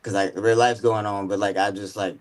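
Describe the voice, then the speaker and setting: A man's voice: on the low side, flat delivery, brisk, poor audio. A man in his mid-twenties talking about his music as a guest, rambling and slangy with lots of filler words. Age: 20s. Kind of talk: casual chat.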